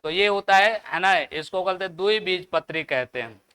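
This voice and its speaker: A man's voice: high voice, moderate pace, bright, forceful tone, clear, resonant tone. A man with a Bihari Hindi accent teaching a classroom biology lecture. He keeps asking the class questions, answers them himself, and tags his sentences with "है ना". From Bihar, India.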